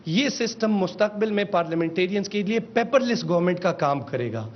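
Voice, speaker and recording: High-voiced man giving a formal slide briefing. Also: lively intonation. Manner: mixes in English phrases, calls out slide changes. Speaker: government official presenting a system. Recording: dull lo-fi with faint rumble.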